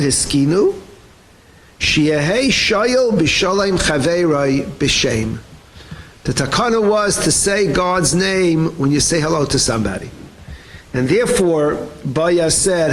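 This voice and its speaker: Brief: male rabbi giving a class, high and very expressive voice, light noise underneath. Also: rough recording. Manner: animated, acts out quoted voices, mixes Hebrew terms into English. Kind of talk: lively Torah shiur.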